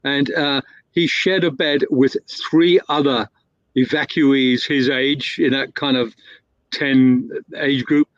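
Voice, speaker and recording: The guest storyteller takes it slowly, his medium-pitched voice steady as he meanders through a long anecdote packed with fillers, restarts and self-corrections. It's captured on a dull, dry, lo-fi recording with no echo.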